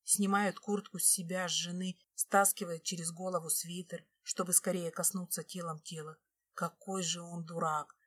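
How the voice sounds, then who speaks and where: A woman narrating a love story aloud in a steady, expressive manner. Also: on the low side, moderate pace, breathy edge. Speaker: audiobook narrator. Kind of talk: scripted narration.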